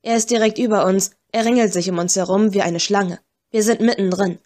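A woman's voice: medium pitch, fairly even intonation, a little fast, a little mellow, natural voice. A woman voicing a sly, mocking male talking skull in an audiobook, with a teasing, taunting manner. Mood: menacing. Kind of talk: audiobook character voice.

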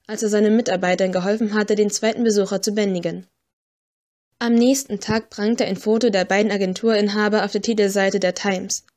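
A woman reading an audiobook in a steady, measured first-person narration. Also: medium pitch.

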